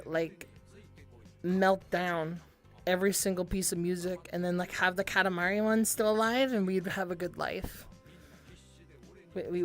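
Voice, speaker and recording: Bubbly young woman, cute anime-streamer style. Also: lowish voice. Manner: excitable, giggly, rambling. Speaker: music streamer, VTuber. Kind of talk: casual livestream chat with viewers.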